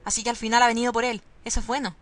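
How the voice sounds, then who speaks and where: A woman's voice: on the high side, flat delivery, very fast, close to an everyday voice. A woman reading aloud the lines of a troubled young man searching a ruined hospital, in a plain reading voice. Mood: worried. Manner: reads dialogue boxes aloud, plainly.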